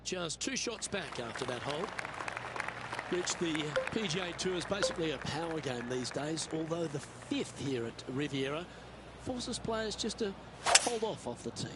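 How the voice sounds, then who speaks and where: Male golf commentator, live broadcast, higher-than-average voice, loud crowd behind. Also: expressive, normal speed. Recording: very noisy crowd backdrop. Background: loud crowd and outdoor ambience.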